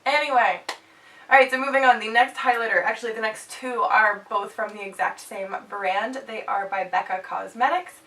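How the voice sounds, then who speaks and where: Chatting with a stuffed-up nose, a beauty vlogger in her twenties reviews products in a bubbly way, peppered with jokey asides. Her voice is a little high and fairly bright, at a normal speed. There's faint background hiss and the mic sits slightly distant.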